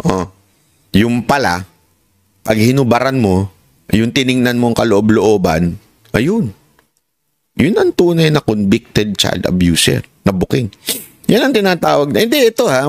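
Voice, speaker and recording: Male streamer and commentator, mid-pitched, mocking and rhetorical, dry close sound. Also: dry recording. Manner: rhetorical, keeps asking "di ba?" and "ha?"; mocking and sarcastic, with sharp jumps in pitch. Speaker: political commentator hosting a live stream. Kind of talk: casual political commentary.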